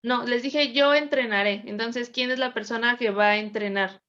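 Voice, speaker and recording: A woman's voice: fairly high pitch, steady tone, normal speed, fairly bright tone, highs cut off. A woman teacher, patiently drilling verb conjugations with her class. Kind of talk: classroom lesson.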